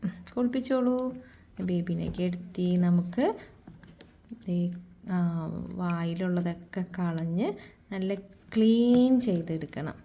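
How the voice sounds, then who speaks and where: A woman's voice: on the low side, takes it slowly, pauses often, mellow, a little hiss or hum. Woman, casual pretend-play vlog, chatty host, keeps quizzing viewers, coaxing tone. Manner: chatty, asks viewers rhetorical questions. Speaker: vlogger.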